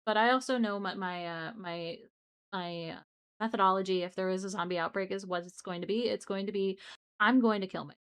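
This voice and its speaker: A young woman streams late at night in a loose, chatty way, looping back on herself and tossing remarks to her chat as she goes. Her pitch sits at an ordinary middle height for a woman. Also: brisk, clean tone. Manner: rambling and chatty, with frequent restarts and asides to chat. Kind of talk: casual livestream chat.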